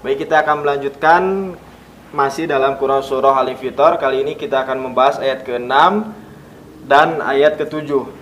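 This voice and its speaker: A man teaching Quran recitation rules, drilling each syllable slowly and deliberately with an Indonesian accent. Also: medium pitch, steady tone, a little hiss or hum. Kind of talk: tajweed lesson, explaining and modelling recitation.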